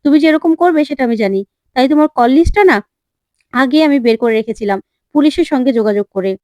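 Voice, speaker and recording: A firm young adult son who confronts his mother, as a woman narrator reads him. The voice is fairly high and dry. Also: expressive, fast talker, darkish tone, dry recording. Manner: firm, accusing.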